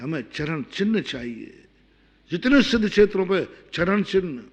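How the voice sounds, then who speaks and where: Indian male monk giving a sermon, somewhat high-pitched, emphatic, asks the crowd questions. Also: big pitch swings, moderate pace, lo-fi sound. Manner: emphatic, rhetorical questions, swinging between loud and hushed. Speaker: Jain monk preacher.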